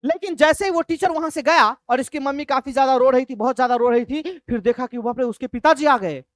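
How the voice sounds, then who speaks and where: Woman, teacher retelling a story, repeats and quizzes students, high pitch, dry close sound. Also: a little fast, no room sound. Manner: repetitive, asks the class questions. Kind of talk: storytelling exam lesson.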